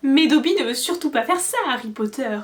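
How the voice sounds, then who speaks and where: A woman voicing a timid, eager male house-elf with a high, earnest, anxious voice. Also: lively intonation, fairly quick. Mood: nervous.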